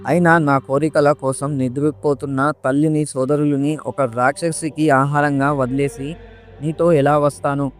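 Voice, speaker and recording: A man's voice: on the high side, flat delivery, a little slow, soft background music, close to an everyday voice. A man voicing a mighty young warrior prince who speaks proudly and confidently in a storybook reading. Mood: boastful.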